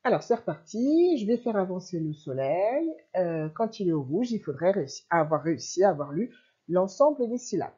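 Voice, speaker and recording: A woman teacher giving a remote reading lesson to young children, sounding out syllables slowly and clearly and encouraging the child. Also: lowish voice, very animated, warm tone, lo-fi sound. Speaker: primary school teacher.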